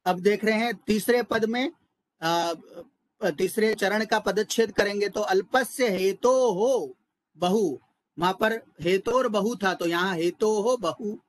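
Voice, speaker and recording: A man teaching a Sanskrit grammar lesson, who breaks each word apart slowly and methodically. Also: high-pitched, dry recording, rough recording. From India. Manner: slow, methodical, spells out words. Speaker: Sanskrit lecturer.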